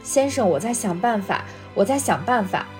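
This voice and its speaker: A woman's voice: medium pitch, lively intonation, moderate pace, soft background music, natural voice. A woman reading a storybook aloud and voicing a desperate teenage boy wizard who urges and coaxes. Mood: anxious. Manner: urgent, insistent coaxing.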